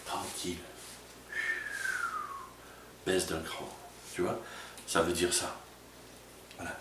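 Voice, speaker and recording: Pastor with a low, roomy voice. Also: male voice, level tone, measured pace, noisy background. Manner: informal, addresses listener as tu, frequent "tu vois". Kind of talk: sermon-style talk to small groups. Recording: roomy echo from a distance with faint ambience.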